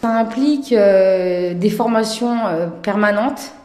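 A woman gives explanatory interview answers. Her tone is dark and rounded, at a medium pitch, and the room around her echoes noticeably. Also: slow. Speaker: professional care-setting clown. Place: echoing room in a care home.

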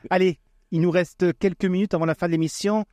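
A man's voice: high voice, fairly even intonation, fast, darkish tone, no room sound, clean studio sound. A man hosting a radio show who chats casually, jokes and laughs easily with his guests. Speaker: radio host. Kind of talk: casual studio chat.

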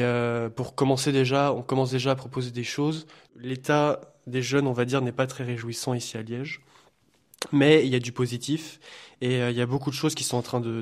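A young man from France appears as a student guest in a radio studio interview. He speaks hesitantly, with many filler pauses, in a mid-range voice.

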